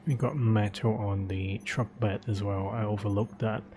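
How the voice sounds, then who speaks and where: A man's voice: lowish voice, flat delivery, moderate pace, darkish tone. Man casually narrating his gameplay. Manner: talks himself through choices, saying "we". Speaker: game streamer.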